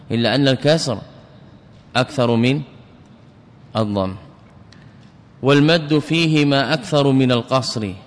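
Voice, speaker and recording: A man's voice: mid-range voice, big-room sound. A man teaching classical Arabic grammar in a recorded lesson, methodical and repeating key terms as he explains.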